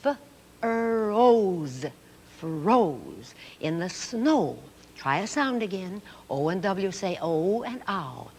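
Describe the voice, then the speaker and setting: A woman teaching children phonics on a television course, speaking in a slow, carefully enunciated sing-song way, on an old 1960s TV recording. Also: medium pitch, big pitch swings, darkish tone, in a large hall, slight background noise.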